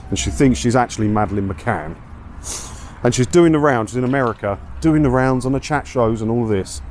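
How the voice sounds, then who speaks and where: Strolling through a seaside town with traffic and street noise around him, an Englishman vlogs his views on the news. His mid-range, darkish voice moves fairly quickly, and he keeps tossing out rhetorical questions in a relaxed, chatty way.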